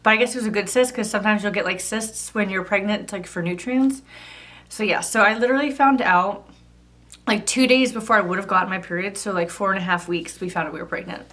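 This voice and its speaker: A woman's voice: medium pitch, quick pace, fairly bright tone. A thirty-year-old woman vlogging, telling a personal story in a chatty, casual way with lots of "like". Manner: chatty, fillers of "like" throughout.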